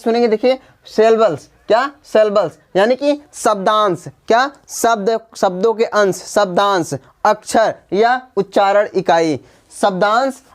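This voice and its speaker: A woman's voice: medium pitch, darkish tone. A woman teaching basic English grammar in Hindi, repeating terms and spelling words out letter by letter, with a Hindi accent. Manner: repetitive, spells words letter by letter, frequent "ठीक है" check-ins. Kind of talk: classroom-style grammar lesson.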